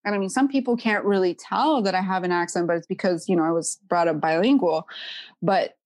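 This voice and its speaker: A woman in her thirties from Quebec, with a Quebec French accent, speaks fairly quickly in a lowish, darkish voice with no room sound. She's a podcast guest in a casual chat, frequently tossing in "you know" and "right?".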